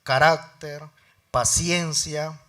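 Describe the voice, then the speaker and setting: A middle-aged man preaching a sermon in church, telling a personal story and acting out both sides of the dialogue, swinging between loud emphasis and soft, low asides. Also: fairly even intonation, extremely slow. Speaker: lay preacher.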